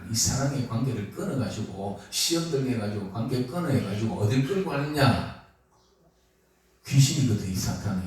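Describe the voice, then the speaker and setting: A man preaching a sermon as pastor, asking his congregation questions as he goes. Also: mid-range voice. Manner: lively, asks the congregation questions. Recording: echoey hall, mic far off.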